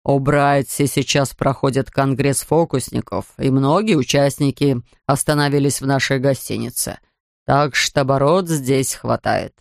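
A woman's voice: very deep voice, fairly even intonation, unhurried, gravelly, no room sound, studio quality, voice pushed down, heavily acted. A woman voicing a composed, matter-of-fact male hotel manager in a storybook.

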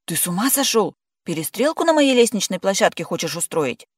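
A reader voicing a nervous young woman stuck behind her door, anxious and quick to snap back. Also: mid-range voice, very animated, slightly rough, dry recording, clean studio sound, pitched above the performer's own voice. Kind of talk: audiobook character voice.

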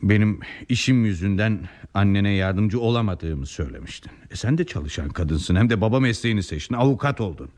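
An actor playing a stern, reproachful elderly father in old radio theatre style, lecturing with deliberate emphasis. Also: fairly low pitch, animated, a little mellow, close to an everyday voice. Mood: reasoning.

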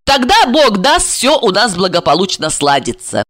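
A cold-blooded young woman who speaks briskly and bossily, with a sardonic edge and a lively, bouncing pitch, as an audiobook reader voices her. The recording is close and dry. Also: dry recording. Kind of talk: audiobook character voicing.

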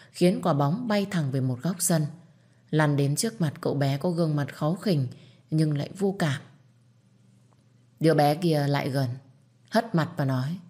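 Low-voiced woman narrating a somber story. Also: warm tone, husky. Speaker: audiobook narrator.

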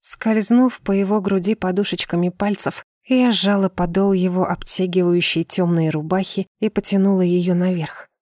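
Brief: a woman narrator for an audiobook, soft mellow tone, calm and measured, dry close sound. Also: on the low side, no room sound. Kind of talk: scripted first-person narration.

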